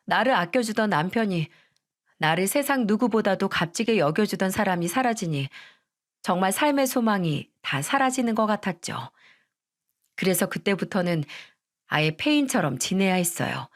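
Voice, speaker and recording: A woman's voice: mid-range voice, expressive, normal speed. A woman narrating a first-person story in an earnest, confessional way.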